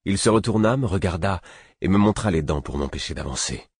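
Low husky male audiobook narrator. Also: expressive, fairly quick, no room sound, clean studio sound. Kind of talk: first-person novel narration.

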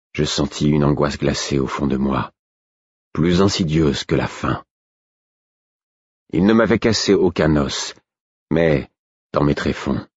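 A man reading a first-person story aloud in a measured, grave narration. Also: extremely low pitch, husky, no room sound. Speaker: audiobook narrator. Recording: dry, slightly dull recording.

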